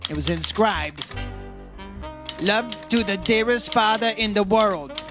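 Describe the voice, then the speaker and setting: A man playing a brisk, hard-boiled insurance investigator in an old-time radio detective drama, terse and matter-of-fact. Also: sits high, over music. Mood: matter-of-fact narration. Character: Johnny Dollar, brisk hard-boiled male insurance investigator narrating his case.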